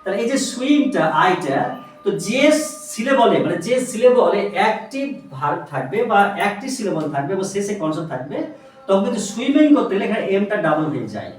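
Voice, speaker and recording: Lively, echoey-voiced tuition teacher quizzing pupils. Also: medium pitch, fast, soft background music. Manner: patient, spells words letter by letter and quizzes pupils. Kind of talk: classroom grammar lesson. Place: small tuition classroom. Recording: echoey room, mic far off.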